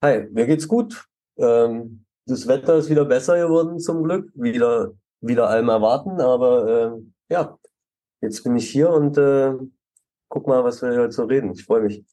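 A middle-aged man from Germany, a photographer guest in a podcast interview, speaking relaxed with many hesitant fillers. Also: mid-range voice, normal speed. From Halle an der Saale, Germany.

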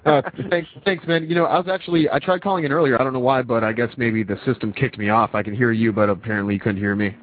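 A man's voice: medium pitch, steady tone, quick pace, hardly any pauses. A man from Virginia calling in over the phone, talking casually and rambling with lots of fillers. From United States (Virginia). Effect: voice heard over a phone line. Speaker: caller. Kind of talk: casual call-in chat. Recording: tinny phone line.

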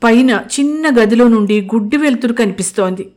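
A woman reading a first-person story aloud in an even, measured way. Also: a little high.

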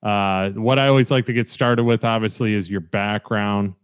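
A man's voice: fairly low pitch, steady tone, moderate pace, clear, resonant tone. A man hosting a podcast interview, talking in a rambling, friendly way with lots of fillers. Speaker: podcast host. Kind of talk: casual interview.

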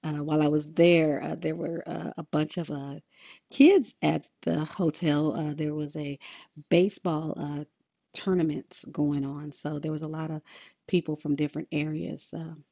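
A woman's voice: deep voice, little pitch movement, normal speed, vocal fry, warm tone, no echo. A woman podcast host, older, talking in a laid-back, rambling way with many fillers. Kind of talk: casual podcast monologue. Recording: dull lo-fi sound.

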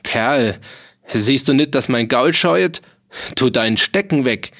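A man voicing an arrogant, rough-spoken steward on horseback. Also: medium pitch, expressive, a little slow, fairly bright tone. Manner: arrogant, rude.

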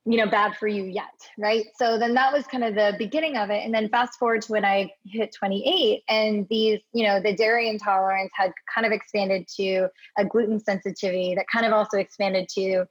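A woman in her thirties from Hawaii talks as an interview guest at a middle pitch. She is chatty and checks in with "right?" and "you know" as she tells her story. The audio sounds slightly dull and lo-fi. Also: steady tone, brisk, hardly any pauses. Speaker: podcast guest.

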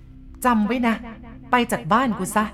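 A woman's voice: fairly high pitch, fairly even intonation, unhurried, fairly bright tone, faint music behind, voice pushed up. A woman voicing a vengeful, jealous female ghost who threatens harshly in coarse words. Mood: threatening.

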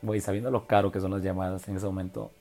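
Young Mexican man, low and warm voice, chatty slangy storyteller. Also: little pitch movement, racing, faint music behind. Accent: Mexican Spanish. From Oaxaca, Mexico. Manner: slangy, chatty, full of fillers and tag questions. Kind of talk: casual personal storytelling.

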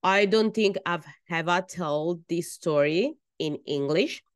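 An Italian-accented woman in her thirties, a midwife, tells her own story on a podcast, earnest and softly emphatic, pausing between phrases. Her voice is on the low side and clean, recorded in studio quality with no room sound.

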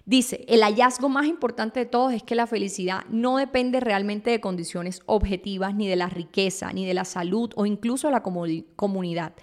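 A woman's voice: medium pitch, normal speed, hardly any pauses. Chatty woman podcaster. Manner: animated, confessional, talks directly to listener. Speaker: podcast host. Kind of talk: casual monologue.

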